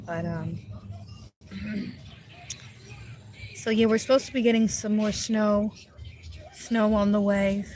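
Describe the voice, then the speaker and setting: A vlogger with a New Jersey accent chats to her viewers on a casual livestream from a car on the road, easygoing and grateful, rambling with plenty of fillers. Her voice is mid-range, and loud road noise from the vehicle fills the recording.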